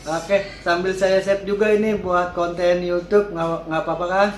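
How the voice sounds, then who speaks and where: A man's voice: high-pitched, steady tone, moderate pace. A man giving casual, informal interview answers, often repeating his words and affirmations. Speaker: cat boarding and grooming business owner being interviewed. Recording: echoey room, clear background noise.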